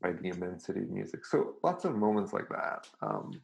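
A man, his voice gravelly and a little low. He talks in a thoughtful, searching way, often restarting his sentences as he reflects on his life in music. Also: wildly swooping pitch, brisk, low-quality recording. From Serbia. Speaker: guest musician. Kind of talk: reflective casual conversation.

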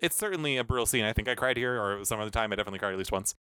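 A man's voice: lowish voice, rapid-fire, bright, forceful tone, clear, resonant tone, dry recording, clean studio sound. A man co-hosting a casual film discussion, chatty and laughing often. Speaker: podcast co-host.

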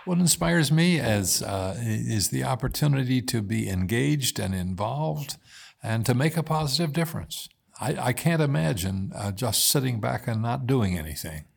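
A man in his eighties, a former mayor, talking in a measured, thoughtful way with frequent pauses as an interview guest. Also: mid-range voice, lively intonation, vocal fry, breathy edge. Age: 80s. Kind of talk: casual interview talk.

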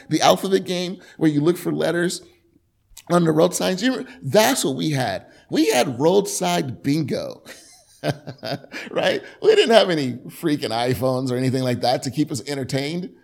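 A middle-aged man preaching a sermon in a conversational, animated way, often restarting his sentences. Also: fairly high pitch, vocal fry. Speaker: pastor.

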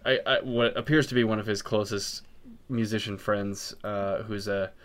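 A man's voice: fairly low pitch, fairly even intonation, moderate pace, fairly bright tone, clean tone. A man co-hosting a podcast, chatting casually about music and rambling with frequent ums and restarts. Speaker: podcast co-host.

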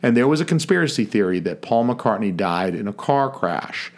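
A man with a fairly low voice co-hosts a casual podcast. He talks in a measured, mock-formal way, then drops in offhand swearing. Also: lively intonation. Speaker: podcast co-host.

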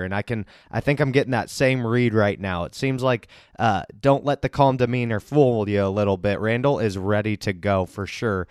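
A man's voice: fairly low pitch, a little mellow, smooth, dry recording, studio quality. A man hosting a casual sports podcast, building hype with upbeat banter as he interviews league members. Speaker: podcast host and league commissioner.

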